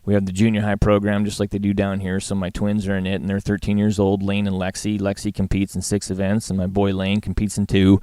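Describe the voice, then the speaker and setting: A middle-aged man with a Western Canadian accent talks in a low, smooth voice with little melodic movement. He is folksy and plain-spoken, chatting casually as an interview guest. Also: completely flat delivery, a little fast, few pauses, dark tone, no room sound. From Alberta, Canada. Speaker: guest, livestock auctioneer and former calf roper.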